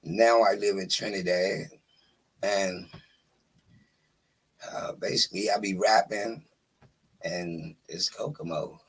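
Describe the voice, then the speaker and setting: A man's voice: sits low, fairly even intonation, slow pace, long pauses, slightly rough. A man, a laid-back guest talking over a video call. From Washington, DC.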